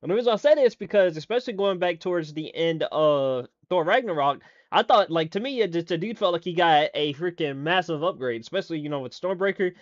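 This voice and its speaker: A man's voice: a little high, lively intonation, fairly quick, hardly any pauses, no echo. Man streamer, casual reaction talk, rambling with fillers and swearing, dry dull-sounding mic.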